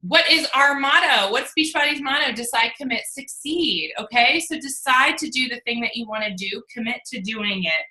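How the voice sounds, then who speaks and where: A woman coaching a fitness team in casual talk, energetic and rambling, laughing often. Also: a little high, normal speed, hardly any pauses. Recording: roomy echo.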